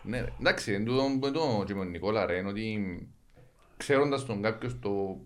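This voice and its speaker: A man's voice: lowish voice, lively intonation, a little hiss or hum. A man with a Cypriot Greek accent chatting casually as a guest on a podcast. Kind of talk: casual chat.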